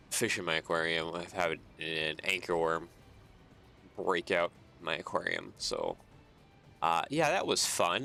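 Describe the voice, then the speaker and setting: This is casual gameplay commentary from a man whose low-pitched voice has a creaky edge. Yawning and worn out, he talks himself through his build in a loose, relaxed way, laughing softly often, with gentle music underneath.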